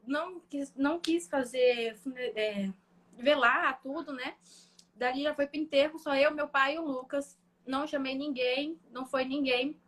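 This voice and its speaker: A young woman, a guest in a live chat, telling a painful personal story in a halting, emotional way. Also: sits high, a bit bright. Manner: emotional, halting, full of fillers and restarts.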